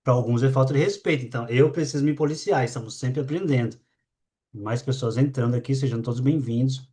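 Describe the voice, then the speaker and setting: Brazilian man, webinar host, lively and demonstrative, mid-pitched voice. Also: a little fast. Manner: lively and demonstrative, shifts energy on purpose. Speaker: speaker leading a live online class. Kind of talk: live webinar talk to an audience.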